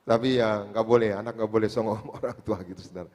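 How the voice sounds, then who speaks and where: Pastor preaching in an echoing hall. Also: male voice, fairly low pitch, steady tone, fast. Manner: addresses the congregation as "saudara" constantly, drops to quiet asides. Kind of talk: sermon storytelling. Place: church hall. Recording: long hall reverb.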